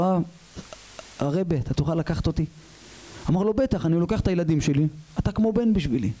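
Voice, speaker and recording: A man's voice: high voice, dark tone, low-quality recording. A man, a rabbi, giving an emotional sermon, telling a story, acting out its dialogue and asking the audience questions. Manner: addresses audience with repeated questions, acts out dialogue.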